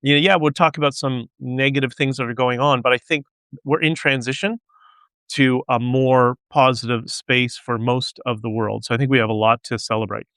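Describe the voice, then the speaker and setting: A man's voice: medium pitch, fairly even intonation, normal speed, a bit bright, no echo. A man hosting his own show, talking in a casual, rambling solo monologue with many restarts and digressions. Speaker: podcast host.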